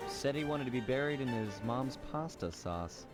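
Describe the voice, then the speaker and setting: A man voicing a calm, confident male master thief in a video game. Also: medium pitch, normal speed, music in the background, lightly acted. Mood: scheming.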